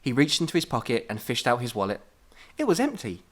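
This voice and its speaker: A man's voice: medium pitch, wildly swooping pitch, quick pace, fairly bright tone. A man co-hosting a comedy podcast, reading a story aloud with giggly self-mocking asides.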